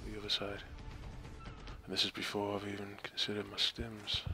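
Over game music, a man thinks aloud while casually commentating his own strategy game match, dropping wry asides. His voice is fairly low and monotone, at a moderate pace.

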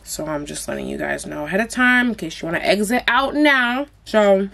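A woman's voice: mid-range voice, lively intonation, normal speed, vocal fry, a bit bright. A young woman chatting casually while she eats on camera for a mukbang vlog, blunt and full of slang. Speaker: mukbang vlogger. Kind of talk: casual chat while eating. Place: at home.

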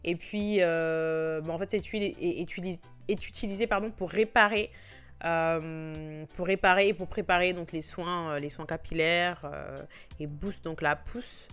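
A woman's voice: fairly low pitch, steady tone, measured pace, a bit bright, clear, resonant tone, soft background music. A woman, chatting casually about hair products, often stumbling over words and restarting. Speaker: beauty vlogger.

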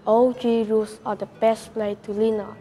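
A woman's voice: a little high, little pitch movement, normal speed, warm tone, soft background music, lightly acted. A woman doing a weary old man. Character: tired old man seeking rest.

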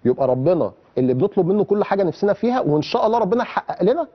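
Fast-talking Egyptian man teaching kids. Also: sits high, big pitch swings, lo-fi sound. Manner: questioning, coaxing the children. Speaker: religious teacher for children. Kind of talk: teaching children how to pray.

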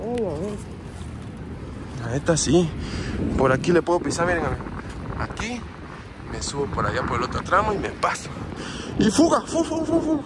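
A man's voice: fairly high pitch, animated, normal speed, pauses often. A young man with a Mexican accent, casually vlogging outdoors by the sea, slangy and joking as he walks along a border wall. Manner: slangy, joking, talks to viewers while walking. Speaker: vlogger host. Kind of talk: casual on-location vlog. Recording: windy outdoor recording with crashing waves. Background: wind and surf.

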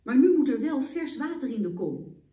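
A woman's voice: sits high, sing-song, normal speed, warm tone, pitched above the performer's own voice. A woman voicing a stern, fussy female hare in a children's story, scolding and indignant, recorded as echoey playback from far off.

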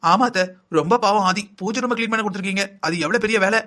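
A man's voice: sits high, fast, bright, forceful tone. A man voicing a lazy, scheming young wife in a cartoon, whining and complaining in long sing-song lists. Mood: sly. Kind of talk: cartoon voice acting.

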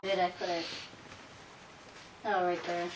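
Chatting and teasing in a small room at home, this young woman vlog host speaks in a low-ish voice with a flat delivery at a measured pace. The noisy home camera recording comes from a camera mic about arm's length away.

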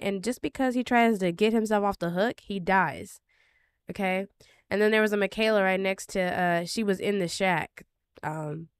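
A young gaming vlogger retells a game match in casual, chatty commentary packed with fillers and sarcastic asides. Her medium-pitched voice is clear and resonant, with no echo.

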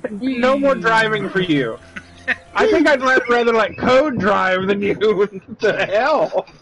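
A man's voice: high voice, expressive, slow pace, lo-fi sound, crowd noise. A man playing a video game with friends, teasing them in profane, laughing banter. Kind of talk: casual gaming banter. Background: game music.

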